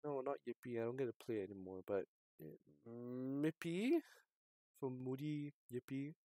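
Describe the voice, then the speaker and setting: Over background game music, a streamer plays a visual novel and talks casually, his hesitant, meandering remarks frequently sinking into mumbles. He has a medium-pitched, dark voice, speaks unhurriedly, and the recording itself is dry.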